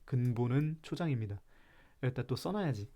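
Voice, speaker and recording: A man's voice: medium pitch, lively intonation, moderate pace, mellow. A man from Chungcheong, South Korea, hosting a live stream and ranting about food in a playful, mock-serious way while reacting to chat.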